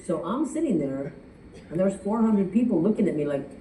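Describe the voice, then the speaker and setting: Animated woman addressing a hall. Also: mid-range voice, moderate pace, noisy background. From United States. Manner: animated, chatty, with sung and acted quotes. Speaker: speech contest judge. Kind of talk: speaking to an audience. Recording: echoey room from far off.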